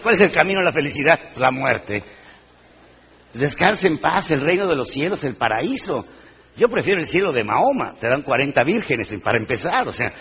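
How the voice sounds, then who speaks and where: Male motivational speaker, husky, animated and quizzing the crowd; live in a dull-sounding echoing hall. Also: on the high side. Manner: animated, asks the crowd questions, acts out little scenes. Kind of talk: live motivational talk to an audience.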